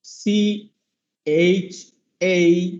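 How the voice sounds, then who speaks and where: Man teaching, high voice, patient, repeats sounds, dull call audio. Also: little pitch movement, a little mellow. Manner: patient, repeats sounds slowly, asks the class questions. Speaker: English teacher. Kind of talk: online class teaching pronunciation.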